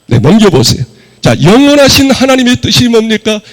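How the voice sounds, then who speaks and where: A male pastor delivering a sermon in church, hoarse from a cold, rising to forceful shouted points and leading the congregation in reading aloud. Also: very high-pitched, sing-song, fairly quick. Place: church sanctuary.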